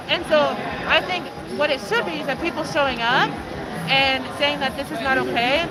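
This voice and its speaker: A woman's voice: high voice, low-quality recording. A woman from Costa Rica, a protest medic and social worker, speaking earnestly in a street interview with many fillers. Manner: earnest, talks with fillers and restarts. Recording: loud crowd noise behind.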